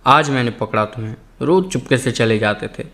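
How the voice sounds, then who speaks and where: A man's voice: mid-range voice, expressive, normal speed, fairly bright tone. A man voicing a frail, sickly old Englishman who whines tearfully and pants for breath, in an audiobook. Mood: whining.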